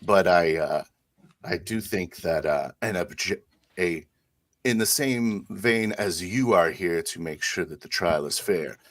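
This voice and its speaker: A man with a low voice improvises as a devout, genteel inquisitor priest in a tabletop roleplaying game, moving between in-character lines and narration. He speaks slowly with a hesitant, insinuating manner, and the sound has no echo.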